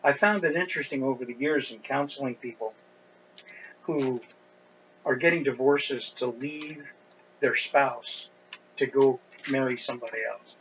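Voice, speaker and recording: Slow, deliberate middle-aged pastor preaching. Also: male voice, medium pitch, fairly bright tone. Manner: deliberate, with emphatic rising stresses. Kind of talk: expository sermon. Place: church sanctuary. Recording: dull lo-fi recording with faint hum.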